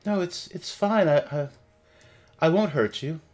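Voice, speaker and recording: Man as female cave ghost, unearthly, lifted pitch, gentle, friendly, hesitant, tabletop role-play, music behind. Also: a little slow, lightly acted. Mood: reassuring.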